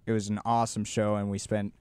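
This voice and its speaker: A young man from Colombia, a guest musician, telling stories in a relaxed way with lots of "like" fillers in a casual interview. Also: lowish voice, quick pace, clear, resonant tone. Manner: relaxed storytelling with many "like" fillers.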